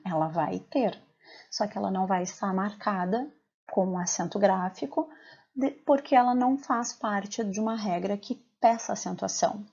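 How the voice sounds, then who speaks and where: Raspy, gravelly-voiced Brazilian teacher woman. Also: medium pitch, darkish tone, lo-fi sound. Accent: Brazilian Portuguese. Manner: clear, patient explaining with questions to pupils. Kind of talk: recorded lesson.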